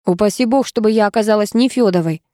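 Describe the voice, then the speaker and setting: A woman voicing a sprightly elderly neighbor who gives brisk directions and sounds doubtful. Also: mid-range voice, mellow, no echo, studio quality, natural voice. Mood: skeptical. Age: older. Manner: brisk, skeptical.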